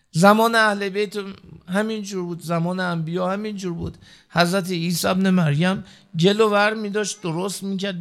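Male preacher, high voice with a gravelly edge, emphatic pulpit delivery that rises and falls. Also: a bit bright. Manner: emphatic, rising and falling preaching delivery, addresses listeners as dear ones. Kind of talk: sermon from the pulpit.

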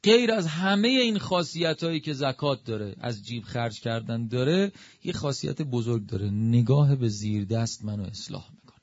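A man preaching a religious sermon in a conversational, lively way that rises to emphatic peaks. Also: mid-range voice, dry recording, dull audio.

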